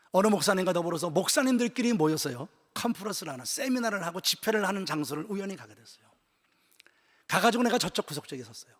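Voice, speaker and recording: Impassioned husky-voiced male pastor preaching. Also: high voice. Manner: emotional storytelling, swinging from loud exclamations to hushed whispers. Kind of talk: sermon at a church retreat. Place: church sanctuary. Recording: echoey church hall with long reverb.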